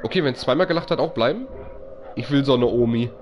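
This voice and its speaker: A man doing live commentary on a horror game, excitable and jumpy, talking to his chat. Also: medium pitch, quick pace, soft background music. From Germany. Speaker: live streamer.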